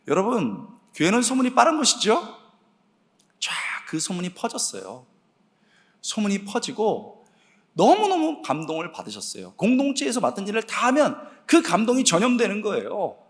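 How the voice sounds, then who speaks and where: Animated male preacher in a reverberant church. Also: sits high, moderate pace. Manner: animated, exclamatory storytelling that addresses the congregation directly. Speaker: guest preacher and preaching professor. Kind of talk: storytelling sermon. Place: large church sanctuary. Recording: long church-hall reverb.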